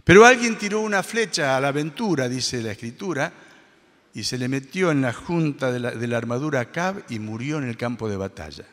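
Male pastor, animated storytelling sermon, long reverb of a church hall. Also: mid-range voice, a little fast. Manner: lively storytelling, acting out the characters' voices.

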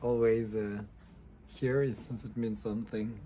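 A young man speaks unhurriedly in a fairly low, dark, level voice, with slight background noise. Presenting a collection in a showroom as a fashion designer, he explains things casually with a French accent, his English halting but keen.

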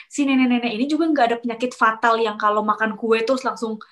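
A young woman tells a long personal story in a relaxed, chatty way, her voice sitting a little on the high side. She talks loosely, with many fillers and restarts, and jumps up in pitch when she acts out what other people said. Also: fast talker. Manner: animated, acts out quoted coworkers with sharp rises. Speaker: storyteller sharing a work experience. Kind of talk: casual chat, confiding story.

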